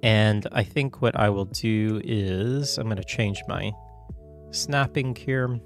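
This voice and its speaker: A man with a fairly low voice walks through a screen-recorded software tutorial, loose and chatty, with plenty of ums and restarts. He is getting over a cold and clears his throat now and then, while soft guitar music plays faintly behind him. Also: slow pace. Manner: loose, chatty, many fillers and self-corrections. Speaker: tutorial host.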